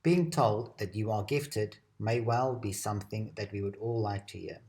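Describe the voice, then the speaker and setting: A man reading a scripted educational narration at a measured, steady pace. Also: on the low side. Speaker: presenter.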